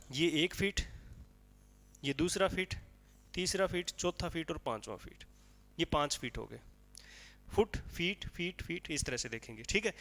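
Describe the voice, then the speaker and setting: A man's voice: a little high, sharp tone, big-room sound. A male teacher giving a classroom lecture on poetic meter, explaining step by step with repeated rhetorical questions and counting aloud.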